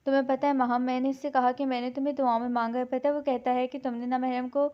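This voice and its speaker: A woman's voice: high voice, flat delivery, fast talker, lo-fi sound, natural voice. A woman voicing a heartbroken, devoted young woman who pleads in distress. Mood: pleading.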